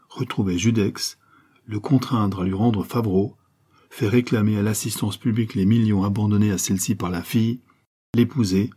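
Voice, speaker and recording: A man reading a classic novel aloud as an audiobook narrator, in a measured, grave storytelling manner. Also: lowish voice, warm tone, breathy edge. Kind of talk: dramatic literary narration.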